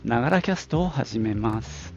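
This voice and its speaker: This late-fifties podcast host has a creaky, medium-pitched voice with lively intonation and a moderate pace. He rambles casually with many fillers in his audio diary, a bit out of breath as he walks to work down a street. Music plays in the background of the dull lo-fi outdoor recording, which also catches wind noise.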